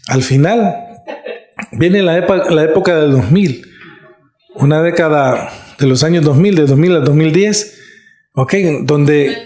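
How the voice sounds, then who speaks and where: A man's voice: fairly high pitch, darkish tone. A middle-aged man preaching a sermon as pastor, earnest and conversational, often checking in with his listeners. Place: church. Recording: echoey church room.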